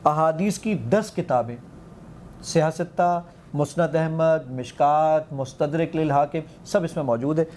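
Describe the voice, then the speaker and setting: Man, fairly high, mellow tone, eager demo talk with quoted commands, faint noise behind. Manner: eager, quotes himself giving commands, counts aloud. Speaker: app founder demonstrating his app. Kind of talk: animated demonstration in an interview.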